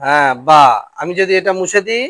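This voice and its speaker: A man's voice: high-pitched, animated, a little fast, a bit bright, no room sound, a faint crowd. A male Quran reading teacher drilling Arabic letter sounds and quizzing pupils in a classroom lesson.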